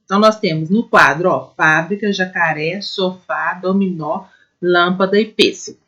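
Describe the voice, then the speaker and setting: A woman teacher with a Brazilian Portuguese accent, giving a recorded class to young pupils, patient and step by step, sounding out syllables slowly. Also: on the low side, fairly bright tone, lo-fi sound. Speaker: primary school teacher.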